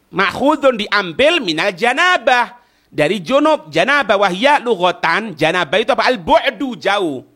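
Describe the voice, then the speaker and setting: A male Islamic religious teacher from East Java, Indonesia, with a very high, bright voice gives a religious lesson explaining a text line by line. His manner is didactic: he goes phrase by phrase, repeats phrases, and poses rhetorical questions.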